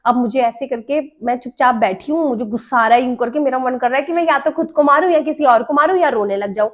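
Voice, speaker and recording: A woman's voice: high voice, fast talker. A young woman, telling stories in casual podcast chat and laughing as she recalls them. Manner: chatty, laughs while recalling. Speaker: podcast host sharing stories. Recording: dull lo-fi sound.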